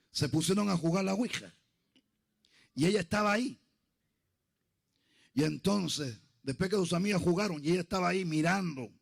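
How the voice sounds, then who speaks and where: A man's voice: fairly high pitch, vocal fry, slightly rough. A male pastor preaching a sermon, telling stories with emphasis and acting out the people in them. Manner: storytelling, emphatic, acts out quotes.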